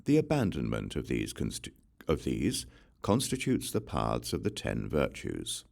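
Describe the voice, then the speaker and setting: A man with a remarkably deep, gravelly voice reads scripture for an audiobook. His measured, solemn delivery still rises and falls with lively expression through each phrase.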